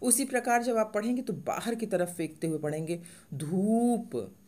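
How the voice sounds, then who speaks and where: A woman teaching reading step by step, asking the viewer questions and slowly drawing out each syllable as she sounds it. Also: mid-range voice, lively intonation, a little mellow. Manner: slow, drawn-out sounding out of syllables; asks the viewer questions and answers them. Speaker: Hindi teacher.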